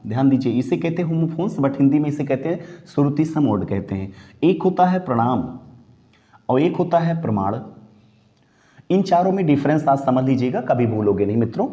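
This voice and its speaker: A man's voice: mid-range voice, expressive, moderate pace, dark tone, highs cut off. A man teaching a grammar lesson, calling viewers his friends and posing questions that he answers himself.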